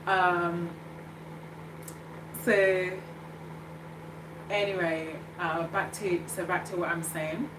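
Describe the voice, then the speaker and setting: A woman in her thirties talks slowly through a casual live chat, often stopping to restart her sentences. Her voice sits a little low, and she is set back from the mic in an echoey room with steady background noise. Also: far from the mic. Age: 30s. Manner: hesitant, many fillers and restarts, laughs often. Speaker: show host reading live comments.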